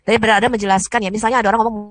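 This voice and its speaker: A woman hosting a discussion, briskly putting pointed questions to guests and summing up their answers. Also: a little high, level tone. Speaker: host and interpreter. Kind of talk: moderating a discussion.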